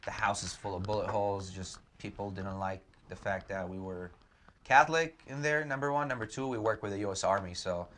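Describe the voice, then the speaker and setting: A man's voice: lowish voice, brisk, a bit bright. A man from Iraq, a guest telling his story in a candid, matter-of-fact way with joking asides. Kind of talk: casual interview storytelling. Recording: faint background noise.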